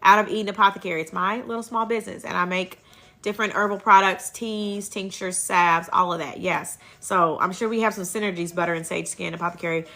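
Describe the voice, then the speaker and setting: Bright-voiced Kentucky woman chatting on a livestream. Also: on the low side, steady tone, a little fast. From Kentucky, United States. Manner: folksy, chatty, often breaking off to thank viewers. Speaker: livestream host and herbal health seller. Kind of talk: casual livestream chat.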